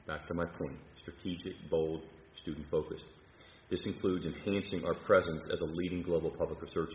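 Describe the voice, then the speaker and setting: Deep-voiced man giving a formal address. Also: slight background noise. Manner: measured, with frequent fillers and restarts. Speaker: university president. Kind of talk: formal prepared speech. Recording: roomy, dull hall recording.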